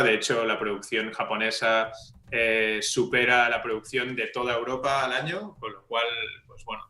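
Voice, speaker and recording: Bright-voiced man in an echoey room. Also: medium pitch. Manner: lecturing, many fillers and restarts. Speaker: debate panelist. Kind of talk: casual panel discussion.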